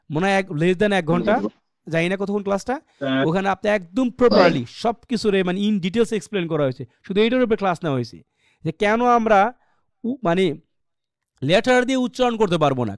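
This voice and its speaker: A man's voice: sits high, dry recording, studio quality. A man with a Bangladeshi Bengali accent teaching English pronunciation in a live online class, quizzing students and sounding words out letter by letter.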